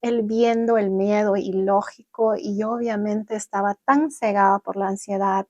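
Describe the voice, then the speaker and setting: A young adult woman vlogging, telling viewers about her own experience in an animated way and acting out what she once said. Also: mid-range voice, normal speed, no room sound, muffled recording. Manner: animated, acts out her own past words. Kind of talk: personal storytelling to viewers.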